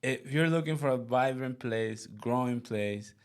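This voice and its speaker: Eager Venezuelan host, stumbling friendly. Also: male voice, medium pitch. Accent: Venezuelan Spanish. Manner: enthusiastic, halting, repeats words. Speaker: podcast host. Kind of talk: casual interview chat.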